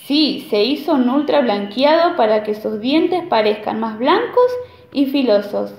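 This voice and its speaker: A woman voicing a sly, know-it-all male skunk who sounds sure of himself and deadpan, recorded in an echoey room. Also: fairly high pitch, a little slow. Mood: smug.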